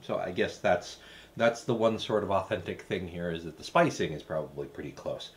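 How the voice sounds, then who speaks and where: A cooking show host with a low voice and brisk delivery tastes a dish in a casual recipe review, offering dry, hesitant, wry asides.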